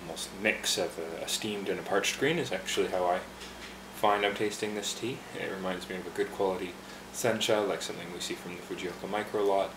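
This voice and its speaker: A native English-speaking man, his voice fairly low, walks through tea brewing behind a bar in a relaxed, chatty instructional demo full of filler pauses. Echo fills the room, and a constant background noise runs under him.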